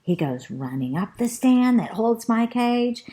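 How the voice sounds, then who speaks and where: A talkative classroom parrot tells the story in a children's storybook reading, as a woman reads it aloud. The delivery is slow and unhurried, with pitch that rises and falls in a lively sing-song, and rhymes are drawn out. The voice sits at a middle pitch for a woman. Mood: chatty. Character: chatty, fussy pet parrot narrating as a female classroom pet. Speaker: storybook reader.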